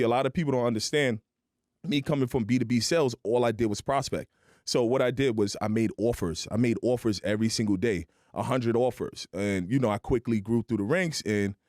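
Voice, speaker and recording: A man's voice: medium pitch, darkish tone, no room sound, studio quality. A man on a podcast telling his career story in a motivational way, often checking in with "right?". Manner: motivational, keeps adding "right?". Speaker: podcast guest.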